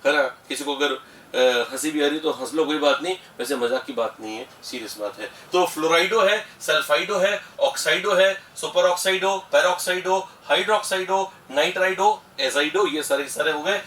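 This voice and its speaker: High bright-voiced teacher, echoey. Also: male voice, moderate pace, slight background noise. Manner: addresses students as "beta", repeats terms, asks and answers own questions. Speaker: chemistry teacher. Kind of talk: classroom lecture mixing Hindi and English. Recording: echoey room, far from the mic.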